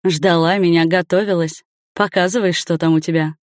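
Woman doing a smug middle-aged guy, curt and bossy, lowish voice, dry. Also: steady tone, moderate pace, dry recording, lightly acted. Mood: eager. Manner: curt, commanding. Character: middle-aged man, bossy self-satisfied lover.

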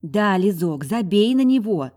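A woman voicing a fashionable young female friend who talks loudly and breezily, urging her pal on. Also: mid-range voice, big pitch swings, a little slow, pitched above the performer's own voice. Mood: cheering. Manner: loud, breezy, persuasive.

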